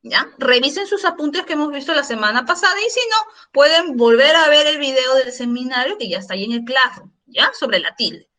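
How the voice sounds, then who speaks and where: A middle-aged woman teaches an online grammar class with a high, bright voice. Her pitch swings widely as she asks questions. She is patient and repeats her examples for the students. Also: expressive, fairly quick. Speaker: secondary school language teacher.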